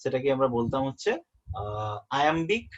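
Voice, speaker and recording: A man's voice: medium pitch, sing-song, fairly quick. Man tutoring, repeating key terms. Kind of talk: informal exam-prep lesson. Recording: muffled lo-fi audio.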